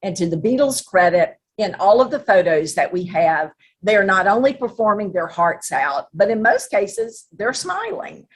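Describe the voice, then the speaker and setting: Chatty woman with a husky voice. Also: medium pitch, sing-song, moderate pace, hardly any pauses. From North Louisiana. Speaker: host. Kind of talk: casual presentation.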